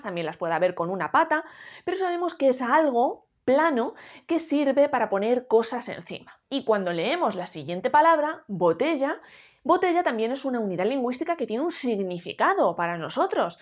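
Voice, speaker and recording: Woman, Spain Spanish accent, teacher explaining grammar, lively rising and falling pitch, slightly high voice, slightly dull lo-fi sound. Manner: slow, clear teacher talk, spelling out syllables. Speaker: educator. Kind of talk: explaining a lesson to students.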